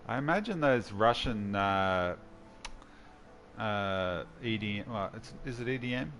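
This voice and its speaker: A man's voice: lowish voice, animated, measured pace, fairly bright tone. A man hosting casual gameplay commentary, musing and thinking aloud as he plays. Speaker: host.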